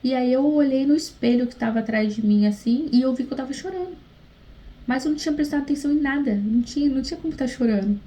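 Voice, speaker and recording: A woman's voice: sits high, warm tone, poor audio. A woman tells a faith testimony in a casual vlog, earnest and chatty, often speaking straight to her viewers. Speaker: YouTuber sharing a faith testimony. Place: at home late at night, husband in the next room.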